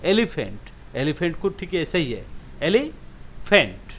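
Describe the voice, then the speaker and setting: A man gives a patient lesson, stretching example words out slowly and pausing to ask whether it makes sense. His voice sits a little high and rises and falls in a lively, animated way. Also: slight background noise. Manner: repeats example words slowly, checks understanding with questions. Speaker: English teacher. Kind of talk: classroom-style lesson explaining syllables.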